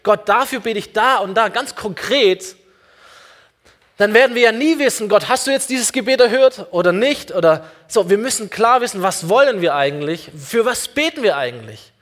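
A man's voice: high-pitched, lively intonation, moderate pace. A man preaching a sermon, earnest, asking the congregation many direct questions. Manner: addresses listeners directly and warmly. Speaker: pastor.

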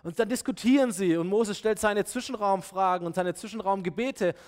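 A male pastor giving a sermon, animated and addressing his listeners directly. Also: high voice, a little fast.

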